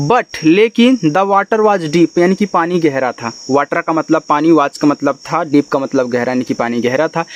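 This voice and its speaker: A man teaching an English reading lesson, spelling words out letter by letter and explaining them slowly. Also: fairly high pitch, darkish tone, a little hiss or hum. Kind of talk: spoken language lesson.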